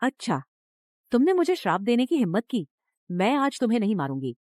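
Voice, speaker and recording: Cast a cruel middle-aged village mother-in-law, harsh and threatening, lively pitch. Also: fairly quick, no room sound, studio quality. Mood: menacing. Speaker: dubbing actor. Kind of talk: Hindi drama dub.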